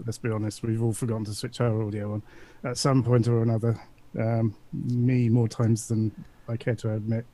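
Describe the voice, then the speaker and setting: A man's voice: on the low side, flat delivery, moderate pace, dark tone, low-quality recording. Casual male host, chatty and questioning. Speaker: show host. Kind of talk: casual panel chat.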